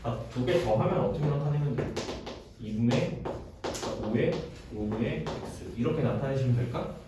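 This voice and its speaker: A man's voice: mid-range voice, animated, normal speed. A man teaching a math class in a classroom, explaining step by step and checking in with students through short questions. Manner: checks in constantly with short questions, mixes casual and polite speech. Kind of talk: classroom lecture. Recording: roomy, distant classroom recording with faint noise.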